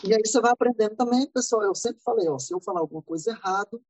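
A man from Brazil, a podcast guest, telling lively anecdotes in a casual way and acting out the dialogue. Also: sits high, fast talker, no echo, poor audio. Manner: animated, acts out dialogue in anecdotes. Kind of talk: casual storytelling. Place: living in California.

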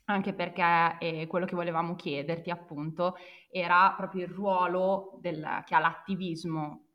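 A woman's voice: lowish voice, fairly even intonation, moderate pace, dull audio. A woman interviewer talking informally, feeling her way through long, hesitant, roundabout questions. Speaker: interviewer, member of a feminist collective.

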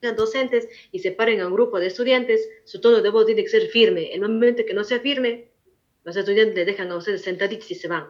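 A woman's voice: mid-range voice, brisk. A woman in her forties, a veteran teacher, answering interview questions in a firm, repetitive, explaining manner. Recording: muffled lo-fi recording.

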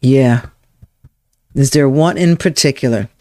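A workshop leader running a live self-help session, speaking to viewers by name, repeating affirmations slowly and guiding breathing exercises. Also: medium pitch, a little mellow. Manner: slow, emphatic, repeats affirmations and guides breathing. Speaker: emotional wellness workshop leader.

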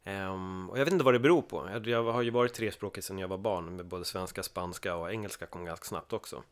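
Podcast guest, man from Sweden, animated storyteller who slips into other people's voices. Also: low voice. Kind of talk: casual podcast chat.

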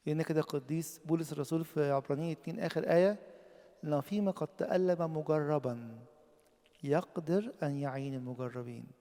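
Male preacher, Egyptian accent, fairly high gravelly voice, fervent sermon delivery, long hall reverb. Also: quick pace. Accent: Egyptian Arabic. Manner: impassioned, rising to loud emphatic peaks then dropping low.

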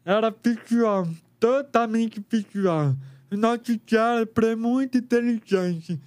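A Brazilian man appearing as an interview guest tells a personal story in a very high, clear, slightly mellow voice. He speaks with a Brazilian Portuguese accent, articulating slowly, carefully and deliberately.

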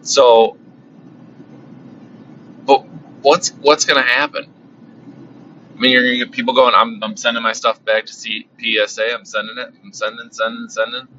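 A male card collecting channel host speaks in a flat, medium-pitched voice at normal speed, pausing often, his tone pushed and bright as his voice wears out. He rambles and repeats himself with lots of fillers, captured in slightly dull lo-fi audio with a little hiss or hum.

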